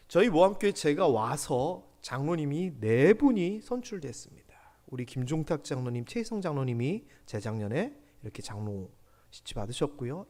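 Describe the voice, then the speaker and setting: A man's voice: fairly high pitch, dark tone. A man in his forties preaching a sermon in a church, telling stories with animation, asking the congregation questions and dropping to whispered asides. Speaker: pastor. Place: church sanctuary.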